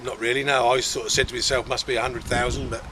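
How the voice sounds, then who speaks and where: A man's voice: medium pitch, level tone, fast talker. A male farmer, giving a plain-spoken, rambling and matter-of-fact eyewitness interview. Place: outdoors in a farmyard. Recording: outdoor background noise, vehicle sounds.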